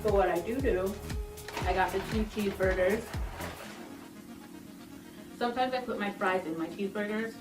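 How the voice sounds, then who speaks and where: A woman's voice: mid-range voice, normal speed, pauses often. A young woman vlogger chatting casually and frankly, swearing now and then. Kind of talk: casual mukbang chat. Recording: roomy echo, far from mic, music behind.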